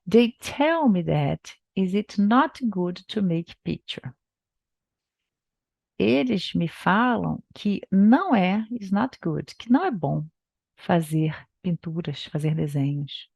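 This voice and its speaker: A Brazilian woman, a native Portuguese speaker, teaching English by reading a book aloud and explaining it in Portuguese, with slow, careful pronunciation drills. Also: on the low side, expressive, vocal fry, darkish tone, husky, dry recording, studio quality.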